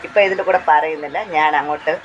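A woman with a Kerala Malayalam accent, hoarse from long talking, chatting casually while she cooks and films on a handheld phone. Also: low-pitched, steady tone, fast, dull audio, a little hiss or hum. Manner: chatty, repeats phrases, tag questions. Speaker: cooking vlogger. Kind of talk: casual chat while cooking. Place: home kitchen. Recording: faint frying sounds behind.

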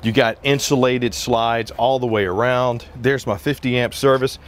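At normal speed and in a steady, medium-pitched tone, a man in his forties gives a walkaround review of an RV on an outdoor lot. His lapel-miked delivery is the relaxed, upbeat chatter of a salesman.

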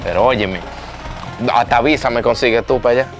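A man's voice: mid-range voice, a little fast, faint music behind, lightly acted. A man playing a joking, hopeful friend in a comedy sketch, full of playful banter. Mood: teasing. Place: outdoors.

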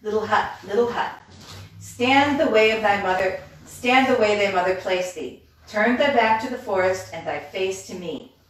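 A ravenous, menacing old witch, played by a woman reading a storybook, barks her commands in archaic speech. The voice rings through a very echoey room and sits at a distance from the mic. Her pitch stays in an ordinary middle range. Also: moderate pace, lightly acted. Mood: coaxing.

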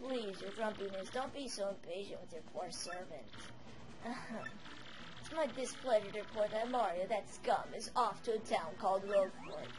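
A woman voicing a fawning old female witch servant with a raspy, soft voice. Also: medium pitch, normal speed, noisy background, voice pushed down, lightly acted.

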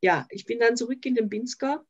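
A woman's voice: a little high, fairly quick, breathy edge. An older woman with an Austrian accent, talking as a guest in an interview over a video call, reflective and hesitant with many restarts. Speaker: interview guest, social worker. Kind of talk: conversational interview. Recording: slightly dull video call audio.

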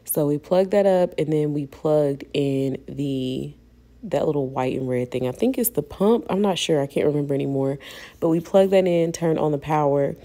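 A woman's voice: low voice, normal speed, dark tone. A young adult woman narrating her vlog in a chatty, friendly way, talking to her viewers as y'all while she shows a setup. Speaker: vlogger and hairstylist. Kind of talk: casual voice-over vlog narration.

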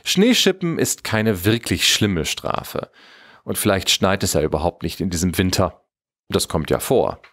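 A man narrating a German children's Christmas story in an expressive storybook manner. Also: low voice, a little slow.

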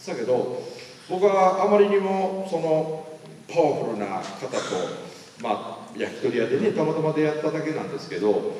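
A man in his fifties with a Kansai accent tells a story to a live audience, his voice swinging through a wide, lively pitch range. His voice is slightly higher than most men's. It echoes strongly around a big hall, picked up from some way off. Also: moderate pace, slight background noise. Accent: Kansai Japanese. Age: 50s. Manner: animated storytelling, acting out quoted voices. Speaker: motivational speaker. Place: large lecture hall. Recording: echoey hall, mic at a distance.

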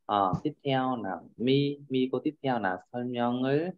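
A man's voice: medium pitch, unhurried, phone-quality sound. A man teaching a class over a video call, often checking in with his students and repeating fillers as he explains. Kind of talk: online class lecture.

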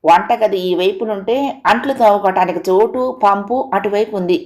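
A woman's voice: medium pitch, normal speed, darkish tone, close to an everyday voice. A woman voicing a rambling, chatty housewife. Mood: complaining. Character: chatty middle-aged housewife, rambling and sly.

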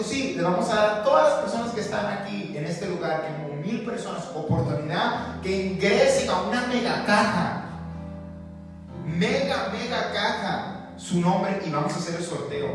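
A male pastor, preaching a sermon and telling stories in an animated way, mixing in English words. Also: high-pitched. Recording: echoey church hall, distant mic, music behind.

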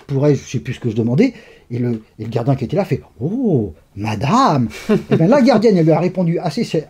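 A man from France, a guest in a conversational interview, telling animated stories with lively asides. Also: a little high, slightly rough.

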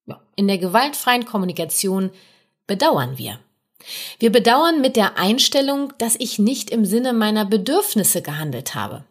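Woman, husky, calm coaching tone, talks straight to the listener, podcast host. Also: mid-range voice, moderate pace. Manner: gentle, explanatory, addresses listener directly with tag questions. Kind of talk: podcast monologue giving parenting advice.

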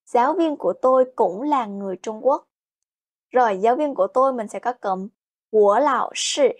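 Woman, Chinese teacher, fairly high voice, slow modeled phrases, lesson style. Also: expressive. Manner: explains in Vietnamese, models Chinese slowly, keeps asking "Được chưa?". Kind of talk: language lesson.

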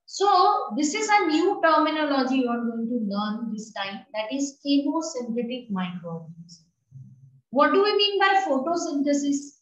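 A middle-aged woman with an Indian accent teaches in a high voice, mixing in Hindi as she questions her students. The sound is echoey and dull, like a video call in a bare room. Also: animated, normal speed. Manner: questioning, prompting, switches between English and Hindi. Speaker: biology teacher. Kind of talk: online class lesson with questions to students. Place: indoor room with bookshelves.

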